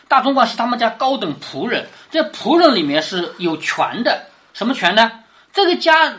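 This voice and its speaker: Here a woman lectures on a classic novel, her voice on the high side and a bit bright. She retells and explains the story conversationally and plainly, forever adding rhetorical tag questions that she delivers with a dropped voice.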